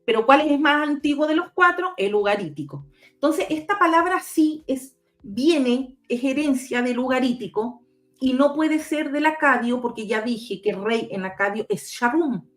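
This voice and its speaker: A woman's voice: high-pitched, expressive, moderate pace. A woman guest on a video call, patiently explaining and spelling out letters one by one like a teacher. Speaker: guest researcher. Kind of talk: explanatory talk with slides.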